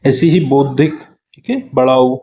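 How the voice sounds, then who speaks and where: A man's voice: medium pitch, expressive, warm tone. Hindi man teaching spelling, echoey dull audio. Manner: explains quickly, often repeating key words. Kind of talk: exam-prep lesson. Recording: roomy, muffled sound.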